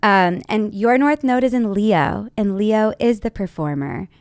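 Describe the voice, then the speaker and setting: A woman's voice: medium pitch, unhurried, darkish tone, dry recording. Upbeat woman astrologer host, dry sound. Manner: bubbly, upbeat, filler-heavy. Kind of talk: casual interview chat.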